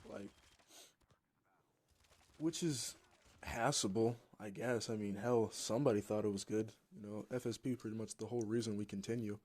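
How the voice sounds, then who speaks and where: A man's voice: lowish voice, fairly even intonation, moderate pace, a little mellow. A man, a gaming YouTuber, rambling through a casual story with loose swearing and plenty of fillers.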